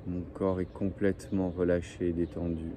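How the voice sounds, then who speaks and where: A man leading a guided breathing and relaxation meditation in slow, soothing, repetitive phrases, like a relaxation guide. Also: low-pitched, level tone. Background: faint birdsong and ambient noise.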